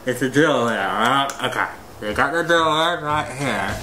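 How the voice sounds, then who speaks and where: A man's voice: mid-range voice, lively intonation, moderate pace, roomy sound. A man in his thirties speaking casually with his lips stretched wide by a mouth guard, slurred and lisping as he reads phrases. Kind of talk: casual challenge video, reading nonsense phrases. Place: small indoor room at a table. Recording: noisy home room recording.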